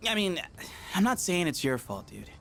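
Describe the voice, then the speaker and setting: In a video game, an actor uses a high-pitched, exaggerated voice with vocal fry to play a laid-back, goofy, self-conscious American teenage boy. He speaks at normal speed in a slangy, casual, animated way, sounding sheepish and downbeat. Game music plays behind him.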